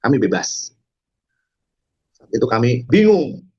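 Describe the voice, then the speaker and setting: A man telling his story to an audience in a dramatic testimony, halting with many fillers and breaking into loud quoted shouts. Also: medium pitch, very animated, slightly rough, muffled recording. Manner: halting, frequent fillers and restarts. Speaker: testimony speaker. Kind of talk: dramatic spoken testimony to a congregation.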